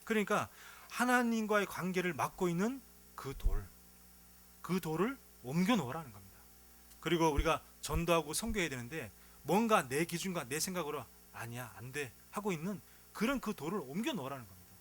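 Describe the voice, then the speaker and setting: A man's voice: a little high, fairly quick. A male pastor preaching a sermon, telling stories with feeling and asking the congregation rhetorical questions. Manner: animated storytelling with rhetorical questions.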